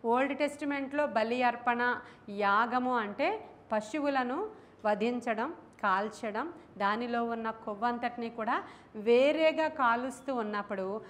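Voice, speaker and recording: A woman's voice: fairly high pitch, unhurried, a bit bright. A woman pastor with a Telugu accent, preaching a sermon to her congregation and asking them questions. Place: church.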